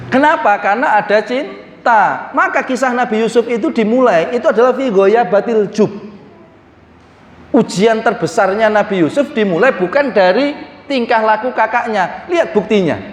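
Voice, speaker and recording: A man preaching a sermon with an East Javanese accent, lively and joking, often acting out little voices and speaking straight to the audience. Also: sits high, moderate pace. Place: hall. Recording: echoey hall from far off.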